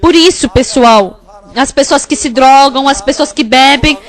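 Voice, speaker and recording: A woman with a high voice interprets a sermon phrase by phrase. Her delivery is emphatic and repetitive, and it follows a preaching cadence. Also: a little slow.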